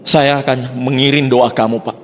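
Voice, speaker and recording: A man's voice: medium pitch, flat delivery, normal speed, slight background noise. A man giving a motivational talk to an audience, telling his story with acted-out dialogue and frequent direct address. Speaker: motivational speaker. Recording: long hall reverb.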